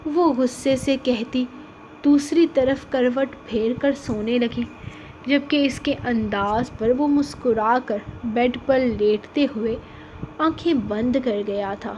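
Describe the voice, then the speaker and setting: High-voiced woman narrating a romance novel. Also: dark tone, dull audio, slight background noise. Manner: dramatic storytelling. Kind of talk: audiobook novel reading.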